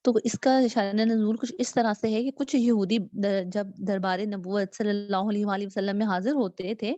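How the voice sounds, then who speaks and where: A woman's voice: medium pitch, warm tone, no room sound. A woman giving a religious lecture, explaining step by step and reading scripture translations aloud with hesitant fillers. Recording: dull, dry lo-fi recording.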